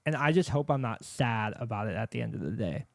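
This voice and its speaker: A man with a lisp hosts a casual podcast chat, earnest and rambling with plenty of fillers. His mid-range voice is expressive, fairly quick and creaky, with no room sound. He's on a podcast set with camera and microphones, speaking into a studio microphone.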